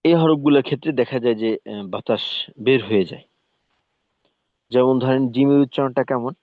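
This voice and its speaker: A man teaching Quran recitation in a recorded lesson. He demonstrates letter sounds slowly, one syllable at a time. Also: medium pitch, no echo. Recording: tinny phone-like dry sound.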